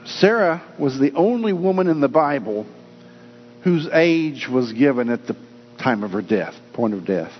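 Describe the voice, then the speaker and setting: Speaking at a measured pace, this male pastor has a medium-pitched, very animated voice. His sermon mixes scripture reading with acted-out versions of people's doubts. The sound is dull and lo-fi, with echo from the hall and a mains hum.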